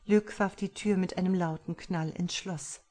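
A woman narrating a dark thriller audiobook in measured, dramatic storytelling. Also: on the low side, fairly even intonation.

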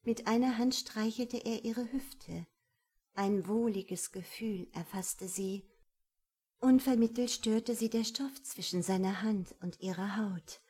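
A woman reading a romance audiobook in a calm, measured, intimate manner. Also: medium pitch, slightly rough. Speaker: narrator. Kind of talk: scripted audiobook narration.

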